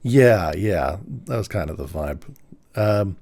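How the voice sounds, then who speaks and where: Male player, mellow and lively, hesitant casual recap. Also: deep voice, takes it slowly, no room sound. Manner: hesitant, full of fillers. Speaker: tabletop game player. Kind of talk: casual game table talk.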